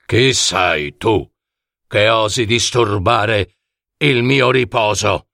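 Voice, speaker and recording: Male narrator as storybook lake monster: low, gravelly, slow and thunderous, dry close sound. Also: sharp tone, dry recording, heavily acted. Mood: booming. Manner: booming, slow and heavy. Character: big lake monster, male, gruff warrior turned peaceful.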